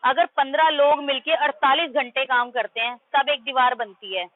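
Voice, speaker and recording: Woman teacher, high voice, firm and quizzing, sounds like a phone line. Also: fairly even intonation, moderate pace. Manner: firm, correcting pupils' pronunciation. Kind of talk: online math class.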